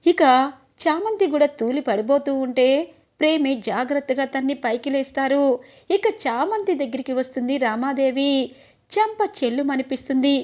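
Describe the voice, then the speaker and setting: A woman recaps a TV serial episode as a storyteller. Her high voice moves briskly through the scenes. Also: darkish tone. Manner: quick storytelling narration. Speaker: narrator.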